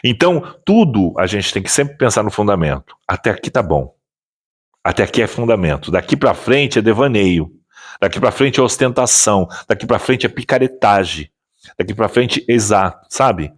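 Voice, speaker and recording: A Brazilian man talking to his audience in an unscripted, emphatic way. His pitch swings widely, rising on pointed questions and sinking low as he makes his points, and he often restarts a phrase mid-sentence. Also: animated, moderate pace, husky. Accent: Brazilian Portuguese. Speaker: spiritual teacher and channel host. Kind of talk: casual spoken commentary.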